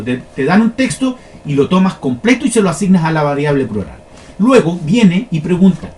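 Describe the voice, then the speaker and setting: Guy teaching a class, high voice that jumps around a lot, keeps checking everyone's following. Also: darkish tone. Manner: explains step by step, checks in with listeners often. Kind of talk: classroom lesson on flowcharts.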